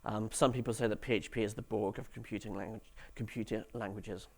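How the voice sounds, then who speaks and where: A man's voice: on the low side, fairly even intonation, a little fast, gravelly, darkish tone, husky. A man giving a conference talk to developers, with dry, sarcastic humour and questions to the audience, on stage in a conference hall. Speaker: conference speaker.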